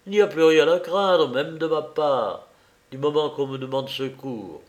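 A man doing a charming gentleman thief. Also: on the high side, measured pace, highs cut off, lightly acted. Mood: gallant. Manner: gallant, playful. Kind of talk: audiobook reading.

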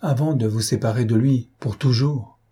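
A man's voice: mid-range voice, normal speed, mellow, husky. A man reading aloud and voicing a loyal old servant who speaks heavily, with sighs. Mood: despairing. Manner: heavy, sighing, insistent.

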